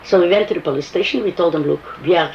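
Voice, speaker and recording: In this oral history interview, an older woman with a foreign accent recalls her activism, telling the story with animation and acting out the dialogue. Her voice is fairly low with some vocal fry, and she talks quickly. The recording is muffled and echoey, with a faint hiss.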